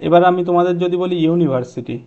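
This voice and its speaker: A man's voice: high voice, racing, warm tone, lo-fi sound. A man teaching an exam-prep English grammar lesson, explaining step by step and asking his students questions.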